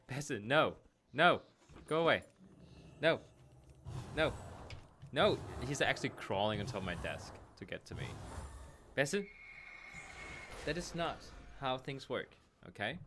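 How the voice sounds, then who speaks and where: Lively, playful man streaming a game. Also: medium pitch, a little slow, pauses often, a little hiss or hum. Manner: playful, laughs at his own jokes, talks to his pet. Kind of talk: casual live-stream chat while gaming. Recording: faint game music behind. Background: game music.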